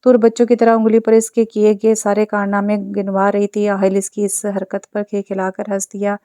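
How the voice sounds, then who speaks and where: A woman narrating a romance novel aloud. Her delivery is strikingly flat, keeping one steady pitch from line to line. The voice is mellow rather than bright, recorded close and dry. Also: no echo.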